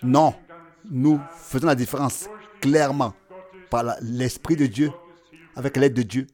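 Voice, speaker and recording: A man delivers a sermon in a mid-pitched voice. His delivery is emphatic, lifting into a sing-song preaching cadence on key phrases. He then drops to quieter, hushed remarks. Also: steady tone, unhurried.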